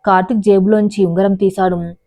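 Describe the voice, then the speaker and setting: A woman's voice: mid-range voice, level tone, brisk, mellow, dry recording. A woman narrating a dramatic love story as a storyteller, in a scripted reading style. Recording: dry, dull lo-fi voice recording.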